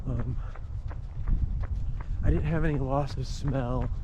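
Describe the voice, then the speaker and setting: A man giving a casual update while jogging outdoors, speaking in short broken phrases with pauses. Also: medium pitch, fairly even intonation. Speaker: vlogger. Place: outdoors, on the move while running. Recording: noisy outdoor recording with ambient sound.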